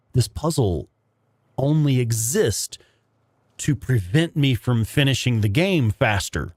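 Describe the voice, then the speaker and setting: A man's voice: medium pitch, a little mellow, dry recording, clean studio sound. A man hosting a gaming livestream with casual, rambling commentary and some swearing. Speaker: livestream host playing a video game.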